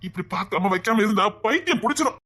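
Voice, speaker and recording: A woman with a Tirunelveli Tamil accent, voicing a lovesick male police officer in an animated story who stumbles over his words. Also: mid-range voice, fast, breathy edge. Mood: restless.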